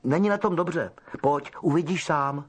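A man voicing an eager, loyal teenage boy who talks in quick exclamations. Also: a little high, husky. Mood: worried.

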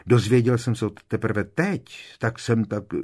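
A man's voice: on the low side, a little mellow, voice pushed up, natural voice. A man reading aloud, voicing a flustered young man who stammers.

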